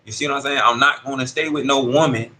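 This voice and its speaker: His mid-range voice stays fairly even in intonation, quick, pushed and bright, with a little hiss or hum in the background. He's a man in his thirties held in a prison dorm, telling a casual story in street slang and frequently asking "you see what I'm saying."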